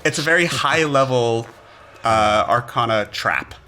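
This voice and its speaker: A man narrating a tabletop game as game master, with halting, deliberate phrasing. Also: medium pitch. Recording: faint background noise.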